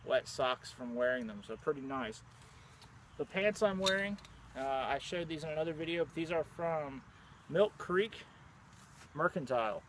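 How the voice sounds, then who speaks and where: A man, a Civil War reenactor, chatting casually to the camera outdoors about his uniform gear, relaxed and full of fillers. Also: fairly high pitch, a little hiss or hum. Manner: relaxed and conversational, frequent "uh" fillers. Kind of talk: casual show-and-tell to camera.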